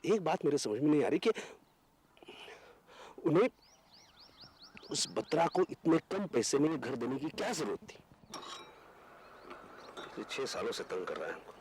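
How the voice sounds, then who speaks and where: An actor playing a bitter, volatile man who rages at his tenant and his father, often accusing and breaking into shouts. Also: medium pitch, sing-song, unhurried, pauses often, a little hiss or hum. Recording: dramatic music underneath.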